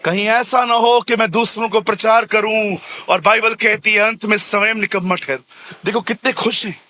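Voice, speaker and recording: Here the preacher's voice sits high and moves at a moderate pace, with some chatter in the background and a faint hiss or hum. He's a man giving an animated church sermon, acting out scenes of daily life and sprinkling in English terms.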